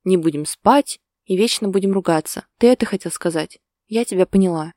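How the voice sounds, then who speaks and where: Brief: a woman playing a tense, resolute young woman, low mellow voice, dry recording. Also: a little fast, no room sound, close to an everyday voice. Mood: hurt, resolute. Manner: tense, stubborn. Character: young woman, hurt and stubborn, wanting a child.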